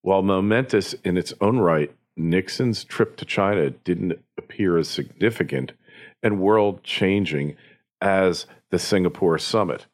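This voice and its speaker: A deep-voiced American man hosts a podcast, giving opinion commentary in an unhurried, emphatic and opinionated way. His monologue sounds partly scripted.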